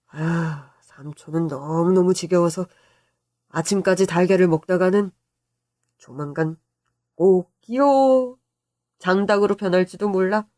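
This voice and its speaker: Woman doing a gruff, joking uncle. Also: lowish voice, dark tone, no room sound, clean studio sound, natural voice. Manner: gruff, blustering and playful. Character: gruff, joking, kind-hearted middle-aged uncle.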